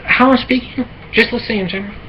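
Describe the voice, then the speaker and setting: Rambling American woman, muffled recording. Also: a little high. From United States. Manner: halting and repetitive, many fillers and restarts. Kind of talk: rambling solo monologue. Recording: muffled lo-fi with faint noise.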